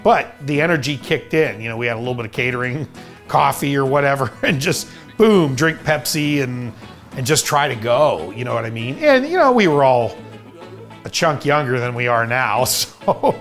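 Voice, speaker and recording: A man recalling his time producing a low-budget film in a relaxed, rambling interview. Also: moderate pace, faint music behind. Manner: rambling, casual recollection with many fillers. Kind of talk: documentary interview.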